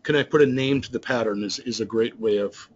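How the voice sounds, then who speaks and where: Speaking a little fast in a medium-pitched voice, a business trainer rambles through webinar slides with plenty of restarts and filler words. The audio is dull.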